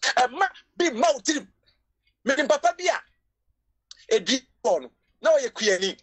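A woman's voice: high voice, very animated, normal speed, husky. A woman preaching a sermon with a Ghanaian accent, emotional, at times crying out and slipping English phrases into her preaching. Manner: emotional, rising to cries and shouts, mixing English into Twi preaching.

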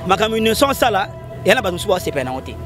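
Interview guest, man, high voice, animated and opinionated, outdoors on a handheld mic, music under it. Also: rapid-fire. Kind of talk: casual interview talk. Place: outdoors against a concrete wall. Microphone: handheld microphone held by the host.

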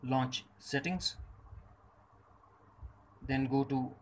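Speaking at a slow pace in a mid-pitched voice, a man presents a scripted tech tutorial, giving instructions step by step in short, discrete phrases. His intonation is fairly even, and a little hiss or hum sits under the recording.

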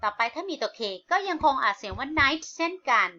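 A woman gives a children's lesson in a bright, slightly high voice. She patiently repeats each word, spells it out letter by letter and fills her pauses with "uh". The recording sounds dull and lo-fi. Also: animated. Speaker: English teacher for children. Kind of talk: online lesson for kids.

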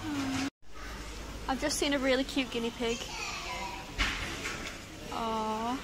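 A woman's voice: sits high, steady tone, slow, heavy background noise. A young woman chatting casually and cooing at animals while filming in a pet shop. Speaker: vlogger. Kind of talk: casual chat while shopping. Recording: loud shop ambience.

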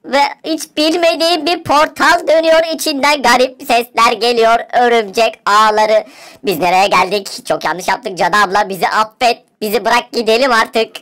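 A woman's voice: on the high side, moderate pace, fairly bright tone, close to an everyday voice. A woman voicing an anxious, whiny boy who keeps protesting and wants to go home. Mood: worried.

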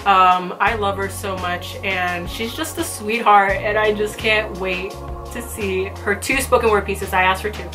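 A young woman hosting a vlog from a small room at home, chatting excitedly with lots of filler words. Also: medium pitch, a little slow, over music. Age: young adult. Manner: giggly, excitable, many "like" fillers. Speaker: vlog host. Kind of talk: casual reaction commentary.

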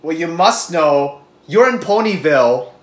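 A man's voice: fairly high pitch, expressive, unhurried, echoey room. A man hosting a reaction video, chatting casually and restating what happens on screen.

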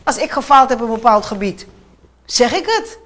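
A middle-aged woman with a Surinamese Dutch accent and a fairly high voice speaks as a talk show guest. She lectures emphatically, piling up rhetorical questions and slipping in short English phrases. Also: very animated, normal speed, fairly bright tone. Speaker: guest commenting on politics.

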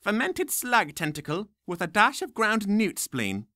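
A man voicing a deranged old female school nurse in a storybook reading, in a shrill, crackly voice. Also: huge pitch swings, measured pace, bright, forceful tone, dry recording, clean studio sound, heavily acted. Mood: brusque.

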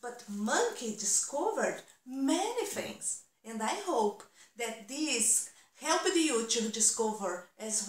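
Speaking to children, a high-pitched, middle-aged woman who works as an elementary guidance counselor reads a storybook aloud and explains things deliberately and simply. The setting is a small room at home, and the distant mic picks up a roomy echo.

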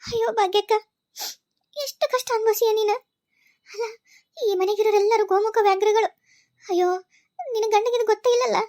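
A woman's voice: very high voice, steady tone, a little fast, pauses often, dark tone. A woman voicing a tearful young wife in a cartoon, speaking with a North Karnataka Kannada accent. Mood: grieving. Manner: tearful, pleading. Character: young wife, grieving and vowing revenge. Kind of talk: cartoon voice acting.

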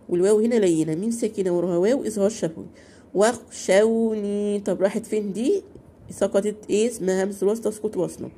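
A woman with an Egyptian Arabic accent teaching Quran recitation to beginners. She recites slowly and drawn out, then explains quickly, asking questions and answering them herself. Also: medium pitch, dark tone, slightly rough. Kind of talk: beginner tajweed lesson.

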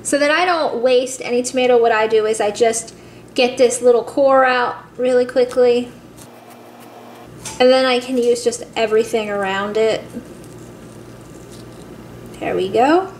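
Woman, cooking demo, slightly high voice, unhurried talk, echoey kitchen, faint background hiss. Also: fairly even intonation, darkish tone. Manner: chatty, addresses viewers as guys. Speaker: cooking channel host. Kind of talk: step-by-step cooking demonstration.

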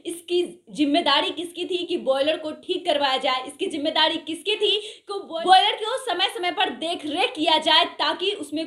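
A woman's voice: high voice, a bit bright, echoey room. A young woman in her twenties presenting a news report to camera in a small studio, earnest and questioning. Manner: earnest, questioning, with open hand gestures. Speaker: news anchor.

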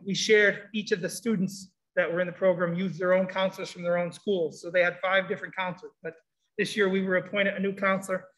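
A man with a high-pitched voice talks through a face mask, slightly muffled. He gives an informal welcome-session presentation to families as a school supervisor. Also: sharp tone. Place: indoor school room, standing before a presentation screen.

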